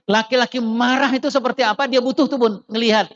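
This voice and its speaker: A man's voice: very high-pitched, steady tone, fast talker. Chatty man lecturing mothers, dull recording. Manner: chatty, keeps addressing mothers with tag phrases; softens into gentle acted quotes to children. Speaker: parenting speaker at a religious study talk. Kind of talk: conversational religious parenting lecture.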